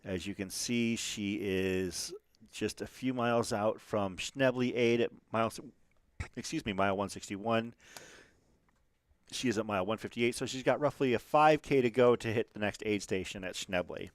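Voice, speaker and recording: A man's voice: on the low side, moderate pace, no room sound. A man doing casual live commentary on a race stream, chatty and rambling, with lots of fillers and restarts.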